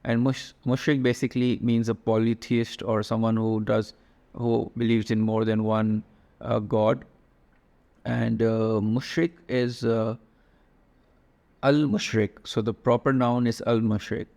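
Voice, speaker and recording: A man talks through a slide-based lesson in a gravelly voice. He moves step by step, stopping and restarting often and filling the gaps with little sounds. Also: mid-range voice, flat delivery, a little slow, darkish tone. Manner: explains step by step with many fillers and restarts. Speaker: language teacher.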